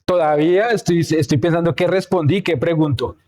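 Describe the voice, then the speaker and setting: Guy preaching at church, kinda high voice, chatty, telling stories and asking "right?". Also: normal speed, a little mellow. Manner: conversational, tells anecdotes, checks in with "¿sí?". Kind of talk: sermon with personal stories.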